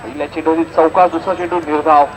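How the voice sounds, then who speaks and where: This Maharashtrian commentator has a rather high voice that barely moves in pitch, and he rattles through the live cricket action very fast. The rough outdoor recording carries obvious noise behind him.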